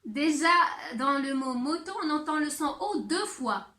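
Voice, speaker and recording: A woman teacher giving a handwriting and sounds lesson to young children, speaking slowly and clearly. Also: high-pitched, lively intonation, fairly bright tone, echoey room. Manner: slow, clear teacher talk addressed to children. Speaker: primary school teacher.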